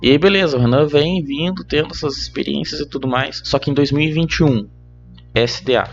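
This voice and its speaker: A young man with a Brazilian Portuguese accent, a podcast guest telling a personal story in casual chat, animated and laughing between lines. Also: a little high, fairly quick, vocal fry, dull audio, music in the background. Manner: animated, laughs mid-story, many fillers.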